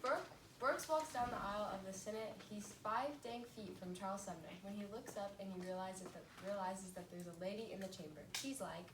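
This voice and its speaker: A woman student narrating a history class presentation in a lively, jokey storytelling manner. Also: mid-range voice, fairly quick, hardly any pauses, background noise. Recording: echoey room, distant mic, music.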